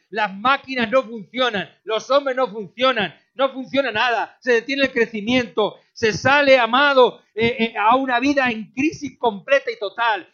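Brief: male preacher with a high voice, repeats his points, folksy jokes, muffled lo-fi sound. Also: a bit bright. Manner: repetitive, calls listeners "beloved", jokey asides. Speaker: pastor. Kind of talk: sermon. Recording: dull lo-fi recording.

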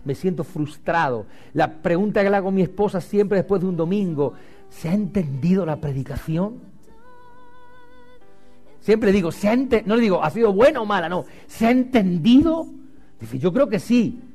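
A man preaching a sermon as pastor, swinging loud and rising to low and quiet. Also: animated, normal speed, soft background music.

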